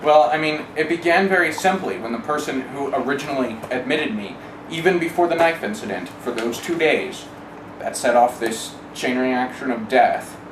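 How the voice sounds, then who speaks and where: An interviewee tells a candid first-person story about himself in a wry way, casually swearing and acting out exchanges he remembers. His mid-range voice moves at a moderate pace. The distant mic sounds roomy, with clear background noise.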